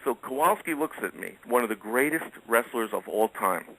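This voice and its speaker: Bright-voiced middle-aged man telling stories. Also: mid-range voice, lively intonation, normal speed, poor audio. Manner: chatty storyteller who chuckles often. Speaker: radio guest. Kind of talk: casual anecdote telling.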